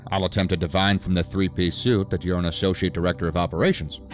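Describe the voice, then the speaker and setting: An actor playing a dry, authoritative male assistant director of a federal agency in a science fiction audio drama, speaking in a measured, formal, wry way. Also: low voice, level tone, soft background music, close to an everyday voice. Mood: dry, dismissive.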